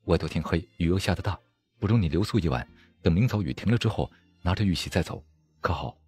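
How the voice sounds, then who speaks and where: A man reading a storybook aloud, voicing a lonely, sorrowful young male scholar who speaks quietly and gently. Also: deep voice, big pitch swings, a little fast. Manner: quiet, subdued and sad.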